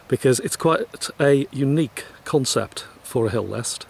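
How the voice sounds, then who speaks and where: A man's voice: mid-range voice, measured pace, gravelly, darkish tone, breathy edge. A man interviewing a guest in a polite, hesitant way, with many fillers. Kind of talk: conversational interview.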